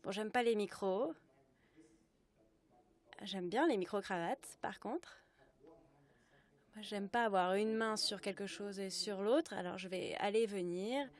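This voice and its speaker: A woman working as a simultaneous interpreter, giving a live spoken translation of a lecture in halting phrases with self-corrections. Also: mid-range voice.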